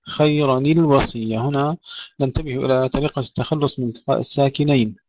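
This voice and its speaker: A man teaching tajweed, reciting verses slowly and then explaining the rules plainly to his listeners. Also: medium pitch, fairly even intonation, darkish tone, no echo. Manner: addresses listeners as brothers. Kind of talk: tajweed lesson with recited examples. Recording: dry, dull lo-fi recording.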